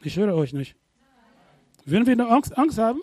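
A man preaching a sermon, animated, firing rhetorical questions at the congregation and sometimes bursting into shouts. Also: high voice, normal speed, no room sound. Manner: bursts into shouts when retelling.

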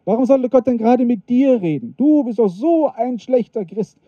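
A man's voice: very high-pitched, expressive, moderate pace, mellow, dry recording, muffled recording, voice pushed up. A man putting on a sneering shoulder devil. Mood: taunting. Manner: taunting, sneering. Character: mocking male devil on one's shoulder.

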